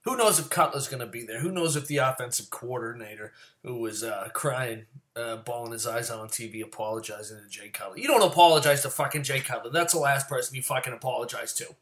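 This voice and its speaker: Guy rambling through his football picks, swears a ton, goes from mumbly to yelling. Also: mid-range voice, fast. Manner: profane, rambling, swings into loud rants. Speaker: fantasy football commentator. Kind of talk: casual solo commentary.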